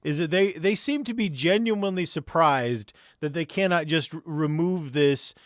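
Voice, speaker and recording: A man's voice: on the high side, normal speed, no echo, studio quality. Rambling male podcast co-host. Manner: rambling, loses his place, reads out posts. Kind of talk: casual comedic chat.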